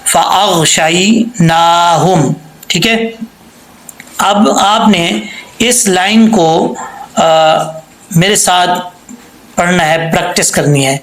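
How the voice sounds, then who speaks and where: A man teaching Quran recitation rules, spelling out letters and vowel marks and then reciting words slowly and drawn out, sometimes asking and answering his own questions. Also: high voice, a bit bright, roomy sound, rough recording. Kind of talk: tajweed lesson with slow demonstrations.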